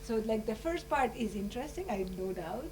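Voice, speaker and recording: A woman's voice: on the high side, lively intonation, fairly quick, over music. A woman from Chile, giving earnest, rambling closing remarks at a conference. She fills her speech with "you know" and "like.". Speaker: scientist speaking at a conference. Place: conference room. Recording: distant mic with hum.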